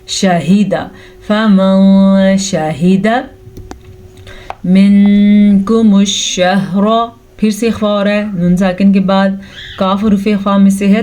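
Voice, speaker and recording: A woman teaching Quran recitation with tajweed, patiently explaining each rule step by step and drawing out the recited verses very slowly. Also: medium pitch, dark tone. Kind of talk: tajweed lesson with slow recitation.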